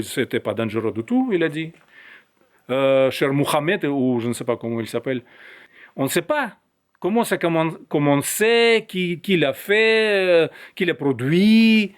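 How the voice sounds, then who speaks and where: A man speaking French with a foreign accent, addressing a newsroom in a halting monologue full of restarts. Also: a little high. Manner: hesitant, halting, many restarts. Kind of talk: open-letter monologue to camera.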